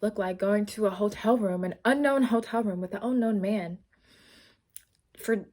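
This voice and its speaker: Animated young woman telling a storytime. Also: mid-range voice, moderate pace. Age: young adult. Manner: animated, rambling, frequent profanity and slang. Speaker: vlogger. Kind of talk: casual storytime chat.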